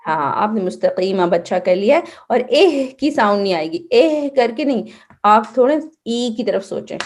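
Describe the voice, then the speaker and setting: A woman's voice: mid-range voice, lively intonation, darkish tone, a little hiss or hum. A woman teaching children in an online class, patiently correcting their recitation and checking in with them often. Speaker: Quran and Seerah teacher for kids.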